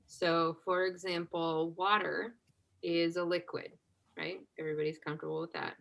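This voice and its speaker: Low-voiced woman teaching chemistry. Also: normal speed, creaky, poor audio. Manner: checks understanding constantly with "right?"; relaxed conversational teaching, asks class questions. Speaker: chemistry instructor. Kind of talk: exam review lesson.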